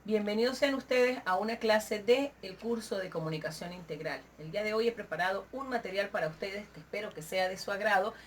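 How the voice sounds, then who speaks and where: A woman's voice: mid-range voice, a little fast, few pauses, slight background noise. A woman teacher giving a recorded grammar lesson, explaining rules patiently and listing examples one by one.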